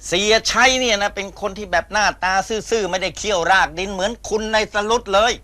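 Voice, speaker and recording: A man's voice: sits high, steady tone, fast, bright, forceful tone. An actor playing a blunt, teasing middle-aged husband and father in a TV drama. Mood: dismissive. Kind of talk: Thai TV soap acting. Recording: music score underneath.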